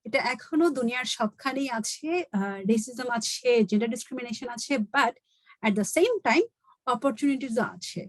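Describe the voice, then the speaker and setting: A woman's voice: a little high, expressive, racing, no room sound, rough recording. A Bangladeshi woman in her late twenties, giving an earnest online talk and switching between Bangla and English mid-sentence. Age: late 20s. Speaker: guest speaker. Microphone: video call.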